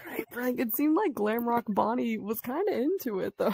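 A woman's voice: a little high, very animated, unhurried, creaky, darkish tone, slightly rough, dry recording. A woman chatting casually in a reaction video, giggly and swearing freely.

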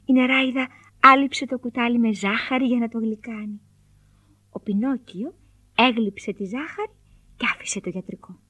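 A woman narrating a children's fairy tale in an expressive storytelling manner. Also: sits high, no echo.

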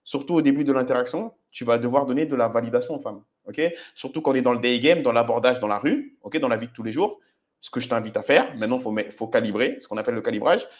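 A quick-talking man, speaking at a middle pitch. He coaches viewers directly and often checks that they are following. His delivery is instructive and confident. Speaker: dating coach. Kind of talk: commenting on his own street footage.

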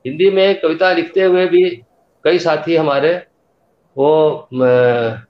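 An older male poet explains his views thoughtfully, pausing as he works through his ideas. His voice is slightly high. It comes through a roomy echo, and the sound is dull and lo-fi. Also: fairly even intonation. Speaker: guest poet. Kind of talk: conversational interview answer. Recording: echoey, dull-sounding remote audio.

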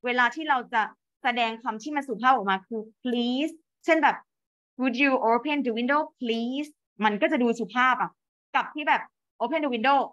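A woman teaching an English class to secondary students, explaining in Thai and reading English phrases aloud slowly. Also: sits high, fairly bright tone, muffled recording.

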